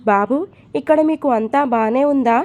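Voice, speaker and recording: A woman voicing a gentle, courteous middle-aged father in a told story. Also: on the high side, moderate pace, highs cut off, close to an everyday voice. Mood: polite. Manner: courteous, deferential.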